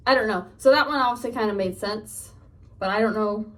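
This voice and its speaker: A young woman lifestyle vlogger, Californian-accented and from Northern California, talks casually and rambles with many fillers as she gets ready at home. She films on a phone camera from a bit of a distance, her mid-range voice fairly bright and a little fast.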